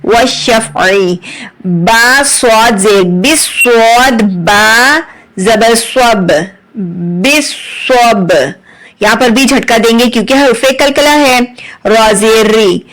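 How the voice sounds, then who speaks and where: Female Quran reading tutor, Urdu accent, very slow spelled-out drilling. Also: a little high, a bit bright, low-quality recording. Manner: spells out letters and vowel marks, then blends them slowly. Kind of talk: slow syllable-by-syllable recitation lesson.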